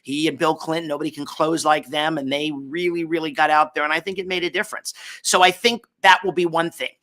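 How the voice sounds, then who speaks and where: A man hosts a political commentary show while hungover. His voice sits a little high and has a bright, forceful edge. He is opinionated and emphatic, yet halts to check himself as he goes. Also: steady tone, fairly quick. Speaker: host of a political talk show.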